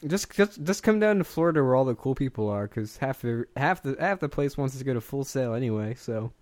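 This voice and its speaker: A man's voice: medium pitch, expressive, a little fast, a little mellow, dry recording. Joking young American guy, dry mic. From eastern United States. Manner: laughs often, joking banter. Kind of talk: casual chat.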